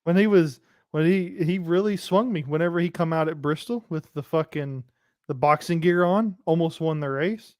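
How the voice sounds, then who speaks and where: A man's voice: fairly high pitch, moderate pace, a little mellow, no room sound, studio quality. A man co-hosting a podcast, trading blunt, cheeky remarks in casual banter. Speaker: podcast co-host.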